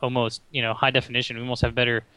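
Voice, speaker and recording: A man's voice: medium pitch, level tone, racing, pushed and bright, smooth, no echo. A man co-hosting a casual podcast, talking enthusiastically about the planets. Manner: enthusiastic, conversational. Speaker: podcast co-host. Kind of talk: casual chat.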